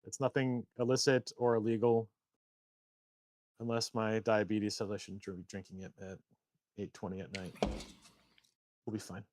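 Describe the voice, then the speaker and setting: A man's voice: lowish voice, normal speed, pauses often, no echo. Rambling man co-hosting a live stream. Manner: rambling, animated storyteller. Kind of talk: casual chat. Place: indoors, a shed workshop.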